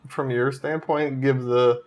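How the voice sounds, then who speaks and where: Man, podcast co-host, halting and questioning, medium pitch. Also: fairly even intonation, darkish tone, slight background noise. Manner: hesitant, questioning, halting restarts. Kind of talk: casual chat.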